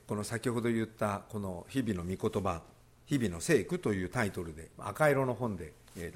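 A man preaching a sermon as pastor, stressing key phrases as his voice rises. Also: fairly low pitch. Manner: animated, rising emphasis on key phrases.

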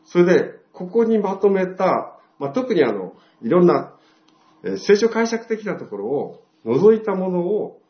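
Older man, church testimony, lively storyteller, echoey muffled hall recording. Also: mid-range voice. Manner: storytelling, acts out quoted dialogue. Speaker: church member giving testimony. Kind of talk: testimony talk to a congregation. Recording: roomy, dull lo-fi sound.

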